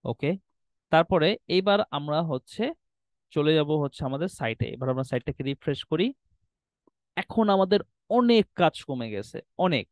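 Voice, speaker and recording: Clear-voiced man teaching web design. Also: a little high, lively intonation, moderate pace, pauses often, no echo. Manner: explanatory, checks in with "ঠিক আছে?", mixes English terms. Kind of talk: screen-recorded tutorial walkthrough.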